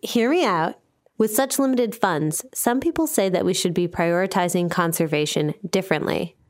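A woman's voice: on the low side, lively intonation, normal speed. A woman giving scripted, conversational podcast narration.

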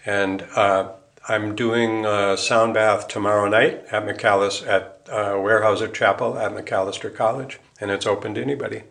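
Fairly low and a bit bright, with a gravelly edge, his voice stays level at a moderate pace. The speaker is an American musician and Buddhist priest giving an interview, explaining his thoughts informally and reflectively while rewording them as he goes.

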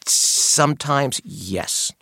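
A man's voice: medium pitch, animated, drawn-out words, vocal fry, bright, forceful tone, breathy edge. A middle-aged man who worked as a maitre d', answering interview questions with earnest storytelling. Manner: earnest storytelling, quotes guests in his retelling.

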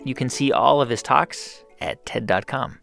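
A man's voice: medium pitch, normal speed, vocal fry, a bit bright, no room sound. A man hosting a radio show, reading scripted narration that builds emphasis as a story unfolds. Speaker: radio host. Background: music.

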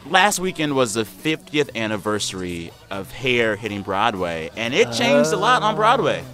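A man's voice: medium pitch, normal speed. An American man hosting a casual news chat show from a studio, informal and full of interjections. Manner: informal and animated, with frequent interjections. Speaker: radio show host. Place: radio studio.

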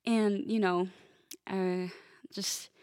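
A teenage girl from Italy talks as a guest in an interview, soft-spoken and hesitant, with lots of small fillers. Her voice sits at a middling pitch. The sound is dry and close, with no room around it. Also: steady tone, extremely slow, clean tone, dry recording. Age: teens. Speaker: young pianist guest. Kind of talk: casual interview answers.

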